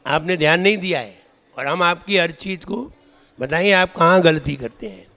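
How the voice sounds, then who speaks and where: A Jain monk teaching correct recitation, correcting syllables and chanting verses in a slow drawn-out way. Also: male voice, on the high side, sharp tone. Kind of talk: pronunciation lesson with chanting. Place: temple hall. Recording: reverberant hall.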